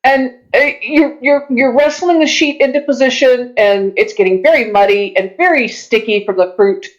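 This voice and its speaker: A woman with a high voice runs a tabletop game, describing scenes as she makes them up. Her delivery is halting and descriptive, and the audio is a little dull. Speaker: game master. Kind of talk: improvised tabletop game narration.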